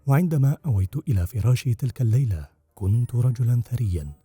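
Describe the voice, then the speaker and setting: A man reading a first-person audiobook narration in an expressive storytelling manner. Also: medium pitch, fast talker, breathy edge, no echo, faint music behind.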